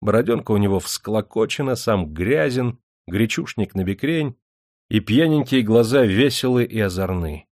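A man narrates an audiobook in a low, measured voice. The sound is close and dry, with no room around it. His storytelling stays even and steady. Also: no room sound.

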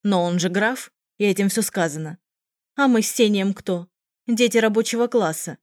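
A woman reading an audiobook, voicing a bitter, jealous young woman tavern-keeper who shouts her accusations. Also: medium pitch, normal speed, no echo, clean studio sound, close to an everyday voice.

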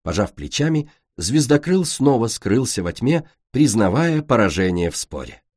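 A man narrating a children's fantasy story in an expressive way. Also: medium pitch, moderate pace, breathy edge, no echo. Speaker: audiobook narrator. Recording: dry close recording.

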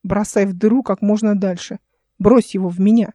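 A woman's voice: medium pitch, fairly even intonation, normal speed, dark tone, dry recording, clean studio sound, natural voice. A woman voicing a stern captive noblewoman who speaks curtly and commandingly. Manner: curt, commanding. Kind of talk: audiobook character voice.

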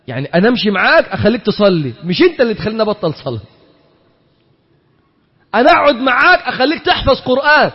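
Animated Egyptian preacher in an echoey hall. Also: male voice, very high voice, slightly rough. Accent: Egyptian Arabic. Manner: animated, rhetorical questions, acts out dialogues. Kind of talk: sermon. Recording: dull reverberant hall recording.

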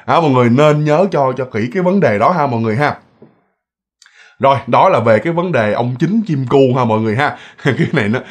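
A man with a Southern Vietnamese accent telling ghost stories in a chatty, repetitive way, talking straight to his listeners. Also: mid-range voice. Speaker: ghost story narrator. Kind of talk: casual storytelling.

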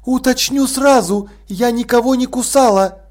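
A man's voice: very high voice, normal speed, a little mellow, voice pushed up. A man voicing a young female watch corporal, speaking in a matter-of-fact way. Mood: dry.

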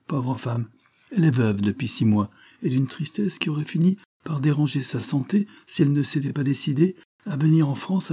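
A man reading aloud, voicing a smooth foreign gentleman who plays a naive count, effusive and ingratiating. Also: medium pitch, pitched above the performer's own voice.

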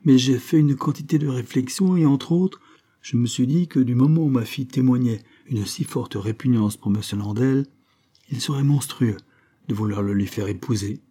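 A proud, stiff mother who answers curtly and holds her ground, voiced by a man in a raised pitch. The voice stays dark and slightly husky. An audiobook reading. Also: moderate pace, lightly acted. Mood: defensive. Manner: curt and firm.

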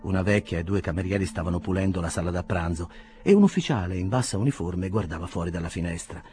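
A man reading a classic novel aloud as scripted narration, animated storytelling. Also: low voice, fast talker, breathy edge, soft background music. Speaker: audiobook reader.

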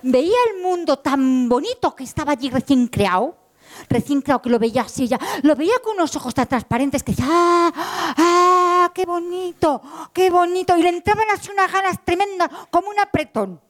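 A woman's voice: high-pitched, expressive, brisk. A woman storyteller, telling a tale live, playful and full of sound effects and asides. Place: event hall.

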